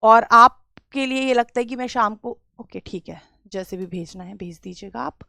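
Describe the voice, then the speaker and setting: A woman's voice: on the high side, normal speed, creaky, bright, forceful tone, no room sound. A woman teacher from Bareilly with a western Uttar Pradesh accent and a sore throat, patiently teaching a live online grammar class and repeating her key points. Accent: western Uttar Pradesh (Bareilly) Hindi. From Bareilly district, Uttar Pradesh, India. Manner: patient, repeats key phrases, addresses students as beta.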